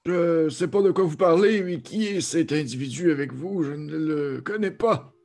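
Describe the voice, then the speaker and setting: A man's voice: on the high side, moderate pace, vocal fry, darkish tone. A man voicing an evasive, defensive character accused of lying, with a Québécois French accent.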